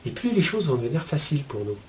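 A man teaching spiritual ideas to his viewers in a casual, colloquial way, with a steady stream of "hein" and "euh". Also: fairly high pitch, fast talker, slight background noise. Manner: chatty, explains with homely metaphors.

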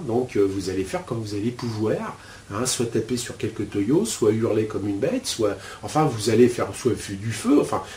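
Here the same spiritual teacher's voice is medium in pitch and mellow, with slight background noise. He leads a listener through a guided inner exercise in a meandering, halting way, packed with fillers and false starts, in an echoey room with faint ambience.

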